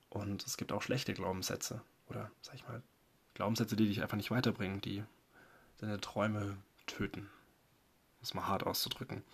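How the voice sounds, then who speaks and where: Husky-voiced man coaching the listener. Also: on the low side. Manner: earnest, coaching, speaks directly to the listener. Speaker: podcast host. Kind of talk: motivational podcast monologue.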